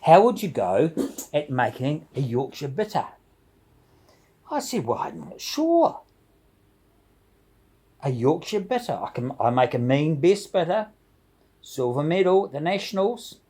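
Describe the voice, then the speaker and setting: A man's voice: on the high side, expressive, normal speed, dark tone, slightly rough. A man chatting casually and ramblingly to camera as a video blogger, with a jovial, informal, slangy way of talking.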